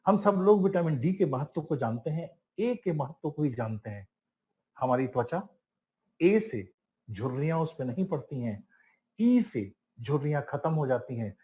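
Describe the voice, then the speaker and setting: A man leads a product class in a fairly high voice. He leans hard on each item as he lists them, pauses on single words and speaks to his listeners as friends. His questions are answered straight away by himself. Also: very animated, warm tone, rough recording. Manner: emphatic, lists items one by one with rising stress. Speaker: product trainer. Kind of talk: product training talk.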